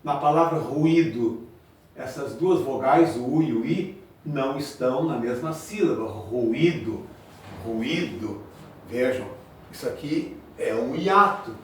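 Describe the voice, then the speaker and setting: Slow man teaching in an echoey room. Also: medium pitch, far from the mic. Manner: slow, drawn-out, repeats example words. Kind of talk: grammar lesson at a board.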